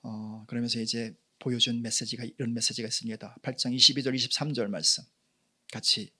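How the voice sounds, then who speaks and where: A man preaching a Sunday sermon as pastor, swinging between raised, forceful lines and soft near-whispers. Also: medium pitch, level tone, fairly quick. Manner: acts out quoted neighbors in swings of loud and hushed.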